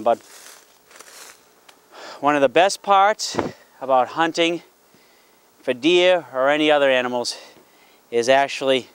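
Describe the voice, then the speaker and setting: A middle-aged man, the dad hosting a hunting and fishing show, talks casually to his family and the camera with a folksy, encouraging barbecue-dad manner. His medium-pitched voice sounds clean in a dry recording.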